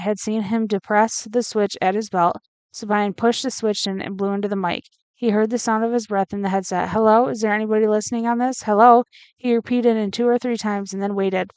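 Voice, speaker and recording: Smooth-voiced woman reading a novel aloud. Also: mid-range voice, no room sound. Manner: steady, expressive reading. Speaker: reader.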